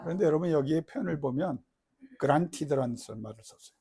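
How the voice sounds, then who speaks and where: A middle-aged man preaching a sermon as pastor, swinging between loud, crying-out prayer and soft, low asides, and putting questions to the congregation. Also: moderate pace, slightly rough. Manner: questions the congregation and has them repeat lines.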